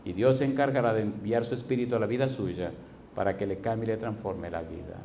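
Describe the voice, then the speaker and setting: A man, a pastor with a Puerto Rican Spanish accent, preaching an evangelistic sermon with an altar call, swinging between loud pleading and hushed tones. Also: on the low side, steady tone, brisk, a little hiss or hum. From Puerto Rico.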